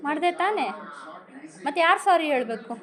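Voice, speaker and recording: A woman's voice: high-pitched, animated, a little fast, very noisy. A woman, a mother, scolding her daughter in a home vlog with insistent, repeated questions.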